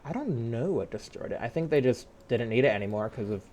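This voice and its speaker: A man's voice: medium pitch, animated, quick pace, darkish tone, slight background noise. A young man in casual gameplay chat with a friend, chatty and fond of explaining train lore, repeating words as he restarts. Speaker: gaming channel host.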